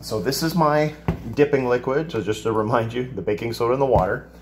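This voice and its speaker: A man in his fifties teaching a casual cooking demonstration in a home kitchen, explaining each step in a relaxed, chatty way. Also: medium pitch, fairly quick, slight background noise. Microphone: camera across the counter.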